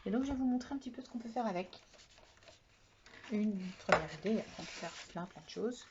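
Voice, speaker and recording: Chatty craft vlogger, woman, mid-pitched, soft-spoken, lo-fi recording with a faint hiss. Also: lively intonation, brisk. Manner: soft-spoken, often trails off quietly; chatty, repeats "voilà" often. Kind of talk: product haul demonstration. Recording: dull lo-fi sound with faint noise.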